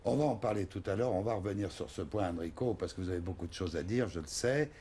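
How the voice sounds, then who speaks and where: A male TV talk show host who asks probing questions in a lively way. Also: sits low, fast, husky.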